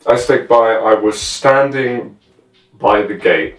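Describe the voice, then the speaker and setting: A man in his twenties, guesting in a small bedroom, chats casually and tells stories in a lowish voice at a slow pace. He sits far from the mic, so the room echoes and faint music plays in the background.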